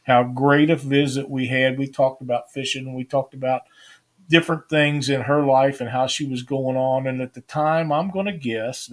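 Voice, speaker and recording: A man's voice: medium pitch, gravelly. A man hosting a live fishing stream, talking casually and rambling through stories with homespun grammar.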